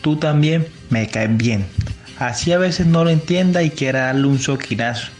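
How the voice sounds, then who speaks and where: A man's voice: mid-range voice, normal speed, faint music behind, lightly acted. A man playing an easygoing, teasing fellow with a Colombian Caribbean coastal accent in a children's story. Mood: teasing, friendly. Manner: breezy, colloquial, teasing.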